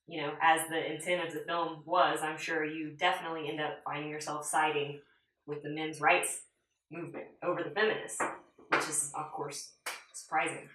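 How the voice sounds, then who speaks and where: A woman's voice: deep voice, flat delivery, moderate pace, a bit bright, a little hiss or hum. A woman reviewing a film in a casual conversation as one of a panel. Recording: very echoey room, far from mic.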